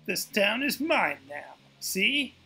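A man's voice: high voice, sing-song, takes it slowly, gravelly, sharp tone, slightly rough, faint music behind, full character voice. A man voicing a cocky young 1920s gangster in a video game read-along, with sneering, clipped slang.

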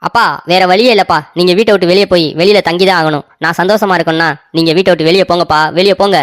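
A woman's voice: fairly low pitch, fairly even intonation, very fast, natural voice. Woman voicing a naive grown son. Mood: blaming. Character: grown son, naive, easily swayed by wife. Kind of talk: cartoon story voice acting.

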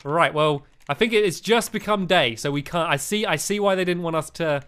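A man's voice: a little high, brisk, fairly bright tone, clear, resonant tone. A man giving casual game commentary with a playmate, rambling and giggly with lots of restarts. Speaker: gamer co-host. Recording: faint music behind.

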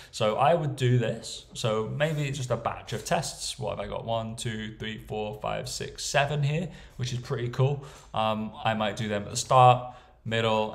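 A young man coaching casually while walking through a training plan, often checking in with "okay?" and "right?". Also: lowish voice. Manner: chatty, tags lines with "okay?" and "right?". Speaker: strength coach. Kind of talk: casual screen-share walkthrough.

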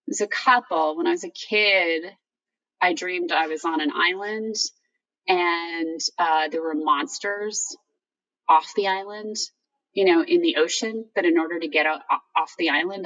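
Low-voiced middle-aged woman, distant mic. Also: a bit bright. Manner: halting, informal, thinking aloud. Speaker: guest author. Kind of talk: candid conversational interview, personal anecdotes. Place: room by a bright window, indoors. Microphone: video call, distant computer microphone. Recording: distant video-call microphone.

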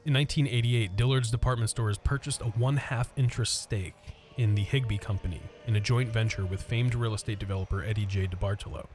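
A man narrating the history of an abandoned mall as a scripted voice-over, measured and informative. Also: fairly low pitch, steady tone, darkish tone, soft background music. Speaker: urban exploration vlogger narrating history.

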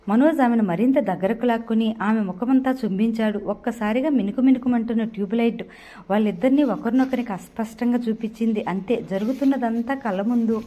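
Woman reading a story, mellow voice. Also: on the high side. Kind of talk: reading an audio novel.

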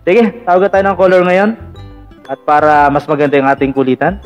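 Male host for a live call-in show, talkative and playful, voice pitched a little high, light music underneath. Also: brisk, lo-fi sound. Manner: chatty, teasing, many fillers like "ayan". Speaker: vlog radio-style host taking callers. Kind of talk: casual live call-in chat.

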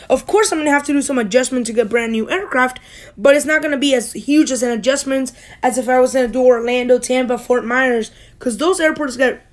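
A casual, rambling voice-over comes from a young American host of a hobby channel who is of school age and high-pitched, and who often stops to correct themselves.

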